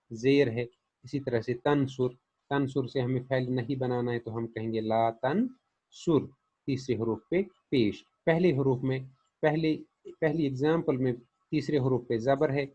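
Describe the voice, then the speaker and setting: Male teacher, patient and methodical, husky voice. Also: mid-range voice, darkish tone, dull audio. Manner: patient, repeats each example, then translates it. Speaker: Arabic grammar teacher. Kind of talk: explaining a lesson.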